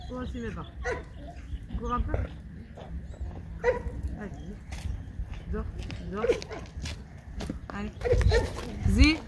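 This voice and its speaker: A woman's voice: on the high side, expressive, very slow, long pauses. A woman training horses outdoors, calling short repetitive commands in a coaxing way. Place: outdoor riding ground. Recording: loud outdoor noise, horses and dogs.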